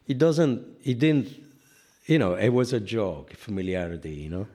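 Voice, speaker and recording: An older man with a deep, low voice leads a relaxed, informal scripture class at normal speed. He rambles from one anecdote to the next, sprinkling in plenty of "you know" and laughing at his own self-deprecating jokes.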